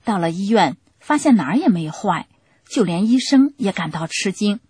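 A woman reading a testimony aloud in a steady, plain storytelling way. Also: mid-range voice, normal speed, slightly rough, no room sound.

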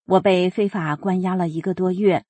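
Husky woman reading a personal account. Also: on the low side, moderate pace, dry recording. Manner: steady, earnest storytelling with quoted dialogue. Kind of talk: first-person narration read aloud.

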